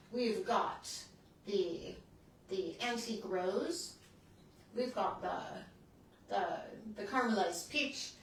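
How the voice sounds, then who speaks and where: A woman in her sixties who hosts a beauty channel walks through her makeup routine in a loose, chatty tutorial, often breaking off and restarting sentences as she applies it. Her mid-range voice sits far from the mic in a strongly echoing room, with a faint hiss underneath.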